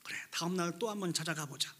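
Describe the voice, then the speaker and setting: An anxious, pleading office clerk, put on by a male preacher inside a sermon story, with a husky edge and a pushy, bright voice. He worries aloud and begs for mercy. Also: a little high, fast talker. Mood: worried. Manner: worried, begging inner speech.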